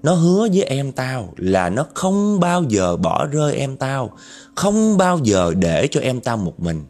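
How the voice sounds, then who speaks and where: A man's voice: medium pitch, big pitch swings, unhurried, darkish tone. A man voicing a vengeful long-haired female ghost who snarls threats. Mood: bitter, menacing.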